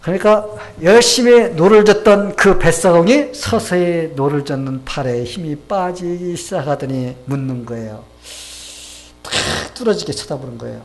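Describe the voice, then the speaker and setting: A man's voice: fairly high pitch, normal speed. A male pastor preaching a sermon, telling a story and asking the congregation questions.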